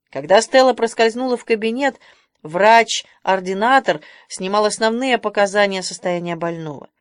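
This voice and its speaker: Female audiobook narrator, measured, expressive reading, close dry mic. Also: medium pitch, no echo. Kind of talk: scripted narration.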